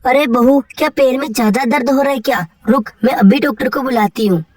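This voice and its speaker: A woman's voice: high-pitched, brisk, distant mic, poor audio. A woman voicing a kind, reassuring middle-aged mother-in-law in a cartoon story. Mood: caring. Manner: warm, reassuring.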